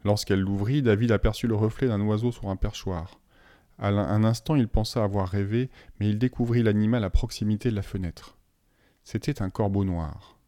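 A man narrating an audiobook in a calm, measured storytelling voice. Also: fairly low pitch, dry recording, studio quality. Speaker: audiobook reader.

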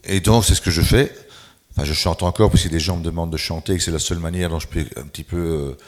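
A man's voice: low-pitched, fairly even intonation, fast talker. A man from Belgium, a singer and writer, speaking candidly as a guest at a public book fair talk.

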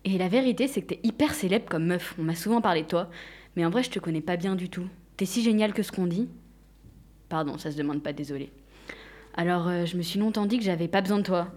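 A woman's voice: fairly low pitch, fast, a little mellow. A young woman, a radio columnist, leaving a hesitant, self-mocking voicemail in a comic scripted monologue full of fillers.

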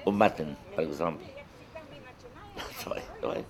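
Man, deep voice, relaxed chatty interviewee. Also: slow pace, crowd noise. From Lebanon. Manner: chatty and amused, repeats himself. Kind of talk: casual interview.

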